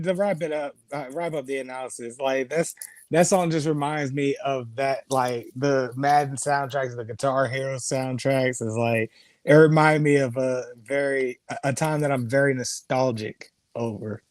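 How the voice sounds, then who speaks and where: A man's voice: mid-range voice, moderate pace, dry recording. Laid-back podcast co-host man, dry sound. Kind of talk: casual podcast chat.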